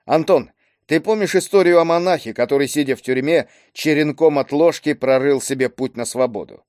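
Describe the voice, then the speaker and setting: Dry, unhurried, ironic grown man, voiced by a male reader, close dry sound. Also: fairly high pitch, darkish tone, no echo, lightly acted. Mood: calm. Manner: dry mocking tone.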